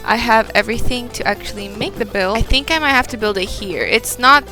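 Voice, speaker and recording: A woman hosting a gaming video, excitably thinking aloud in casual commentary as she builds. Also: on the high side, a little fast, over music.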